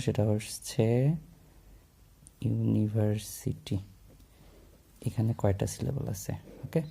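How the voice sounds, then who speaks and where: A man's voice: lowish voice, creaky, mellow, husky. A man explaining English grammar in a casual classroom way, mixing in English terms and checking in with "okay?" often while he writes. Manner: writes on a board while talking.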